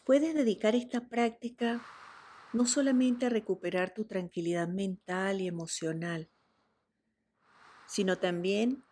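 A woman guiding a relaxation meditation in a soft, soothing voice, with breathy whispered cues. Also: on the high side. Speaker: meditation guide.

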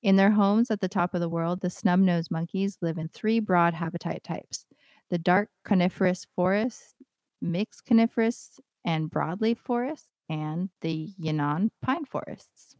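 A woman's voice: lowish voice, measured pace, a little mellow, no room sound. A young woman co-hosting a podcast, chatting in a friendly way and reading out a segment. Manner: friendly, giggly, conversational. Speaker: podcast co-host. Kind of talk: casual chat and read-out segment.

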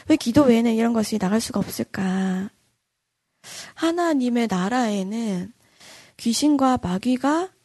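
A woman's voice: on the high side, dark tone, breathy edge, no echo, clean studio sound. A woman pastor preaching an earnest dawn-service sermon, acting out quoted voices and repeating lines for emphasis.

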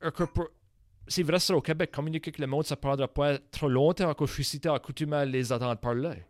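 A man with an Acadian French accent hosting a casual podcast chat, speaking haltingly with many restarts. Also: fairly high pitch, fairly even intonation. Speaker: podcast host.

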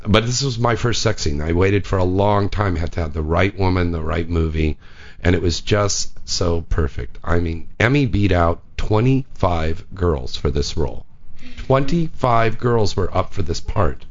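A man hosting a casual radio talk show, excitable and profane. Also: low-pitched, dull audio.

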